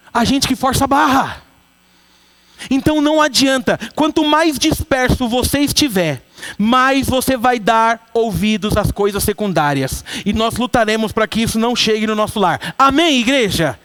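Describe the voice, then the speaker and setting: A man in his thirties from Brazil, a pastor delivering a lively sermon to his church and acting out quoted voices. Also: very high-pitched, normal speed. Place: church sanctuary.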